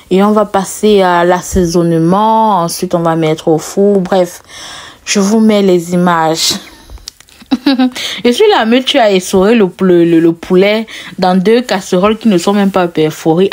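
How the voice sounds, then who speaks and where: A woman's voice: medium pitch, darkish tone. A woman from Cameroon with a strong Cameroonian French accent, chatting to viewers as she cooks, asking them questions and laughing often. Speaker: cooking vlogger. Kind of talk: casual cooking vlog.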